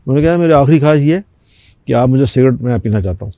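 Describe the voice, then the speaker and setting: A man's voice: mid-range voice, dry recording, lo-fi sound. An older man from Pakistan, a talk show guest, telling a personal anecdote and acting out the people in it. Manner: animated anecdote telling with quoted voices.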